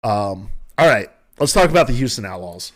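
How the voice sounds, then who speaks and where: A man's voice: fairly low pitch, big pitch swings, normal speed, a bit bright. A man with a noticeable country accent, hosting a podcast and giving casual, rambling, opinionated commentary from home, often restarting his sentences. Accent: Southern US country. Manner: rambling, self-correcting, opinionated. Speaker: podcast host.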